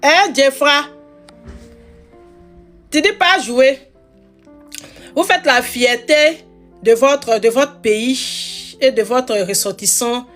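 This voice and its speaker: A woman's voice: high-pitched, extremely slow, pauses often, fairly bright tone, soft background music. A woman from Ivory Coast hosting a live stream, teasing and scolding her viewers with much repetition. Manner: scolding, playful, repeats phrases.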